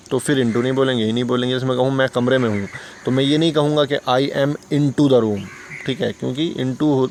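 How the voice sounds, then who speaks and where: Gravelly-voiced man teaching beginners. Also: mid-range voice, a little hiss or hum. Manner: patient, repeats points, asks and answers his own questions. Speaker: English teacher. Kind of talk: explanatory lesson for beginners.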